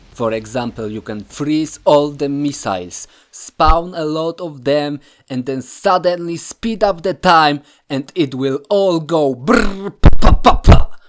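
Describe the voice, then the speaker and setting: A man narrating his own video in a scripted but casual way, emphatic and repeating phrases for effect. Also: medium pitch. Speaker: video maker narrating his own game hacking project.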